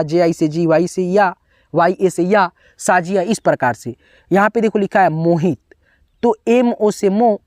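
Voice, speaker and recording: A man's voice: high voice, darkish tone, no room sound, clean studio sound. A man teaching a beginners' spelling lesson, patiently spelling out each word letter by letter and checking in with his viewers again and again. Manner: keeps saying "okay, friends".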